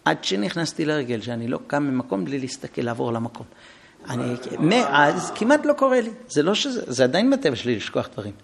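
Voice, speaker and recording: A man's voice: a little high, gravelly. A man giving an informal parenting talk to a group, telling stories and acting out dialogues between parent and child. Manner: animated storytelling, acting out dialogues. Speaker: parenting lecturer.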